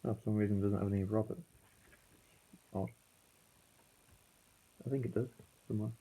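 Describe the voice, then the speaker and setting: This album reviewer, a British man, talks in a lowish, warm voice with fairly even intonation at a moderate pace, faint music playing behind him. His unscripted vlog chat is hesitant, rambling, and full of self-corrections, muffled by a failing phone.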